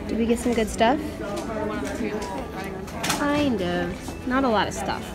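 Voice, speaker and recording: A woman's voice: fairly high pitch, animated, slow, over music. A young woman, a mother hosting a casual home vlog, chatting and asking her toddler questions.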